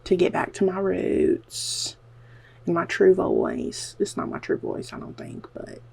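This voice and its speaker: A Southern beauty vlogger talks to her camera at home while dyeing her hair, rambling and nervous, mocking herself, with "like" all over her speech. Her voice is lowish, gravelly, a little mellow, and breathy-edged, swinging hugely in pitch at a measured pace.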